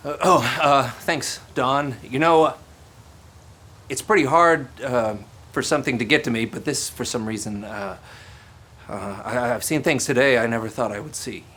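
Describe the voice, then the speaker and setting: An actor playing a flustered, sincere male news reporter on the scene, talking haltingly and conversationally in a comedy sketch. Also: medium pitch, sharp tone. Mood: shaken.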